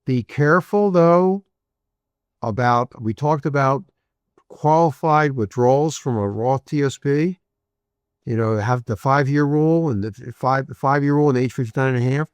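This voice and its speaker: A man's voice: mid-range voice, moderate pace, smooth, no echo. Conversational man leading a dry webinar. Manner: conversational, repeats himself, many um and uh restarts. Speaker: retirement benefits presenter. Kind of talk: webinar lecture.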